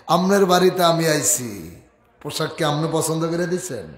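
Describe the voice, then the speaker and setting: Guy doing an angel messenger, earnest, sharp questions, echoey. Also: on the high side, lively intonation, normal speed, crowd noise, lightly acted.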